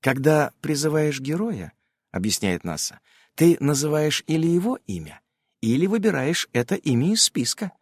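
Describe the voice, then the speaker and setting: Guy doing a squeaky high little magic girl, bubbly, dry close sound. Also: very animated, normal speed, breathy edge, no room sound. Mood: explaining. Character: chirpy young female magic companion. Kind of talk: audiobook character voice.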